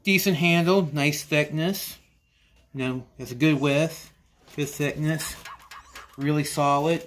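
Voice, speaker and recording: In a cluttered indoor workshop or basement, a woodworking channel host gives a casual tool review. He talks slowly and rambles, often restarting and saying "you know," in a slightly high voice with fairly even intonation.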